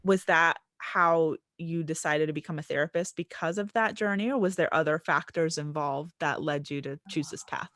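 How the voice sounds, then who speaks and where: A woman co-hosts a podcast and asks her guest questions in a relaxed, conversational way. Her voice is very low for a woman. The recording is dry, with no room sound. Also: normal speed, hardly any pauses, dry recording. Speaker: podcast co-host. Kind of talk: casual podcast interview.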